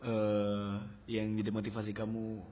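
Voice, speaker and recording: A man's voice: fairly low pitch, a little slow, slight background noise. Casual male interviewer, echoey muffled sound. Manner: relaxed, prompting questions with fillers. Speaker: podcast host interviewer. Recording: dull sound with long reverb.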